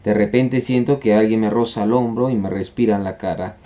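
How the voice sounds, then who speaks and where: A man voicing a boastful, fibbing male army officer in an audiobook, telling an anecdote in a lively way. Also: lowish voice, a little fast, close to an everyday voice.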